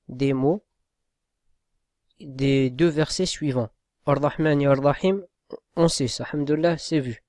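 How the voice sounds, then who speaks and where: A man's voice: mid-range voice, a little mellow, dry recording, clean studio sound. A man teaching Arabic reading in a spoken lesson, patiently spelling out sounds letter by letter and often checking in with his listeners. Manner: slow, patient, checks in with "d'accord?".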